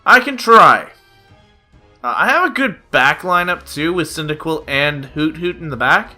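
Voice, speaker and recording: At a measured pace, a young YouTuber with a fairly high, sharp, animated voice gives chatty play-by-play of a card game. He's a bit nasal from a cold and keeps saying "uh," with background music behind him.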